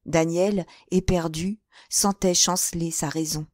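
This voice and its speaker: A woman narrating a classic novel as an audiobook, measured and expressive. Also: lowish voice, no room sound, clean studio sound. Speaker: audiobook reader.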